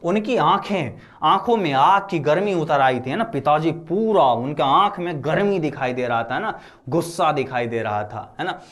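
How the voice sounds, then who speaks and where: A man's voice: fairly high pitch, expressive, moderate pace, fairly bright tone. A male teacher explaining a story chapter in a casual lecture style, repeating lines often and acting out quotes. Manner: repeats lines with frequent "है ना" fillers, acts out quotes. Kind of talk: explaining a Hindi lesson.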